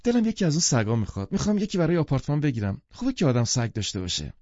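A man's voice: mid-range voice, very animated, mellow, no echo, muffled recording, voice pushed up. A man voicing an eager, showy young woman in an audiobook, gushing and demanding. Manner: gushing and quick. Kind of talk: audiobook character voice.

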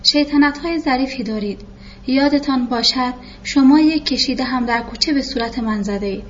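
A woman's voice: high voice, natural voice. A woman voicing a talkative middle-aged male doctor who courts a young girl, in a muffled recording with faint hiss. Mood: teasing. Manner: talkative, storytelling.

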